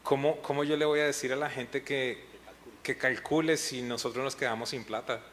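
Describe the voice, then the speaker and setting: Earnest middle-aged pastor telling a story. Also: male voice, medium pitch, steady tone, normal speed, a bit bright, a little hiss or hum. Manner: earnest storytelling with emotional retellings. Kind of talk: testimony in a pastors' panel talk.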